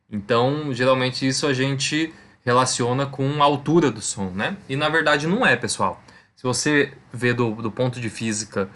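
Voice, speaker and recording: A man's voice: mid-range voice, pushed and bright. A man teaches a recorded physics lesson in a mid-range voice. He explains step by step, repeats the key points, and checks in with his students after almost every sentence. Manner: conversational, checks in with "tá?" and "né?". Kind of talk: recorded online lesson over slides.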